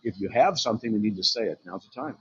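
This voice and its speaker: A man's voice: lowish voice, fast talker, slightly rough. A man in a live debate, speaking bluntly and lecturing the other person on what to say, over lo-fi voice chat. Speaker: debate participant. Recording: dull lo-fi voice-chat audio.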